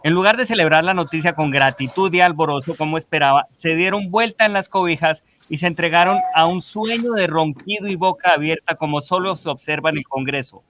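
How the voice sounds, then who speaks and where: A man, briskly reading his own satirical column aloud in a dry tone. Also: fairly high pitch, a bit bright, slight background noise. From Colombia.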